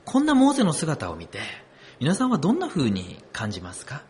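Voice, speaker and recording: A man's voice: fairly high pitch, huge pitch swings, brisk, darkish tone, slightly rough. A man preaching a sermon as pastor, telling the story expressively and asking the congregation questions.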